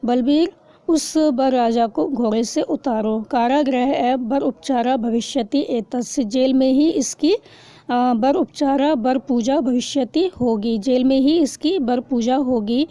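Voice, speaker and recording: High-voiced woman explaining a lesson word by word. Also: slow, dark tone, no room sound. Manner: reads each phrase, then explains it word by word. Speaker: teacher. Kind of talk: reading and translating a textbook lesson.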